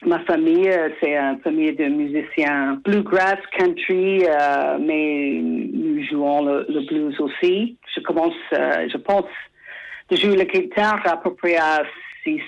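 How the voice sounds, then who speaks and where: A woman from the United States with an American accent, a musician guest speaking French haltingly in a radio interview. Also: low-pitched, dull audio. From United States, Texas and Oklahoma. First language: English. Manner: halting, searching for French words.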